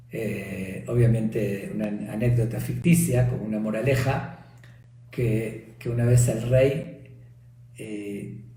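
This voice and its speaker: A man's voice: medium pitch, warm tone. A man, a rabbi, teaching a lesson by telling a parable at a storytelling pace. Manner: storytelling, with restarts. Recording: echoey room.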